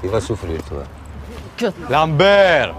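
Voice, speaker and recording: A man in his forties from Spain with a Spanish accent, a military instructor who talks like a drill sergeant, goading trainees with curt questions and blunt orders. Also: normal speed. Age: 40s. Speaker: Foreign Legion chief warrant officer, instructor. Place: outdoors on a training course. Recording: noisy outdoor field recording with vehicle rumble.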